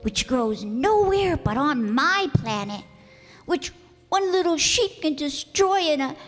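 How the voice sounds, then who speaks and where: A high, lilting voice of a small boy prince acted by a woman, earnest and insistent. The delivery is slow and solemn in radio-play style. Long hall reverb surrounds it, with music behind. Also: sing-song, full character voice. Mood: indignant, hurt. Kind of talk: radio drama acting.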